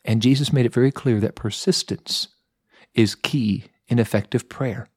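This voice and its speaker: A man's voice: mid-range voice, moderate pace, husky, dry recording, clean studio sound. A man hosting a Bible lesson podcast, teaching expressively, shifting his pace for emphasis and acting out the quotes.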